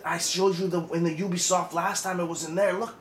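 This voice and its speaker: A man's voice: high voice, level tone, brisk, reverberant, a little hiss or hum. A man doing a frantic, rambling parody rant that keeps calling out to "people". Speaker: comedic conspiracy vlogger.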